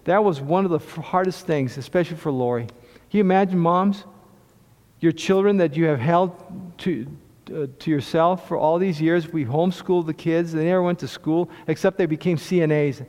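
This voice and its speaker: A man's voice: a little high, normal speed, darkish tone, in a large hall. A middle-aged man giving a sermon testimony, telling his story in a conversational way with frequent restarts. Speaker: lay preacher sharing testimony.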